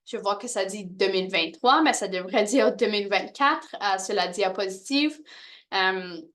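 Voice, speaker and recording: A woman walks prospective students through university programs in a steady, mid-pitched voice. She pauses often and restarts her phrases as she goes. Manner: hesitant, many fillers and restarts. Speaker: university recruitment presenter. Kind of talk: informational presentation to prospective students.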